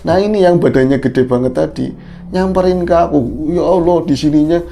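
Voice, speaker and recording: A man co-hosting a horror podcast, retelling a driver's eerie experience in a casual, animated way. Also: fairly quick, vocal fry, slight background noise. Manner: animated retelling, jumps up in pitch for quoted speech. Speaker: podcast co-host telling a story. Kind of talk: casual horror storytelling chat.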